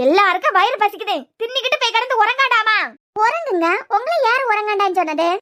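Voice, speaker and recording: A performer voicing a quarrelsome cartoon housewife with a Kanyakumari Tamil accent, scolding in sharp retorts. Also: expressive, fast, full character voice. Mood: bickering. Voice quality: very high, squeaky cartoon voice. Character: quarrelsome housewife of a joint family. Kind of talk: cartoon web series dialogue.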